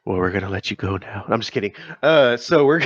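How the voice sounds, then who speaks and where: Low-voiced man in casual podcast chat. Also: lively intonation, normal speed, fairly bright tone, no echo, muffled recording. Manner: rambling, laughs often, many fillers and restarts. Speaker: podcast co-host.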